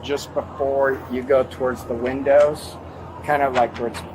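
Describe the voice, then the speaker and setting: Captured on noisy body camera audio with a vehicle rumbling, an airline worker at an airport gives police a witness account of an incident. His delivery is flat, halting and rambling, and he acts out the words he himself said.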